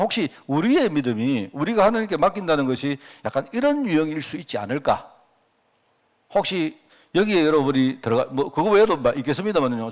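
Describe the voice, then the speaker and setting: A middle-aged man preaching a sermon as a pastor, chatty and full of rhetorical questions, acting out quoted prayers along the way. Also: a little high. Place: church sanctuary.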